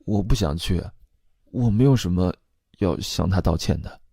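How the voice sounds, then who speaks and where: A man's voice: normal speed, creaky, mellow, slightly rough, dry recording, studio quality, exaggerated voice. A man voicing an anxious grown woman who begs her family for love, pleading and tearful. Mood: needy. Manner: pleading, tearful, high-pitched.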